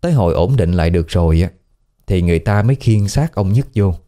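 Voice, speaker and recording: A man's voice: low-pitched, quick pace. A man with a Southern Vietnamese accent, telling a ghost story in a casual, conversational way. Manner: conversational, colloquial, lively storytelling. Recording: faint background music.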